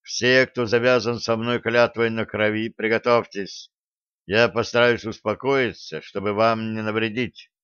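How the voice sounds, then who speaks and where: A man voicing a commanding male pirate captain who speaks in a hushed, urgent whisper in an audiobook. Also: on the low side, steady tone, a little slow, smooth, dry recording. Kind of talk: audiobook character voice. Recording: dull lo-fi audio.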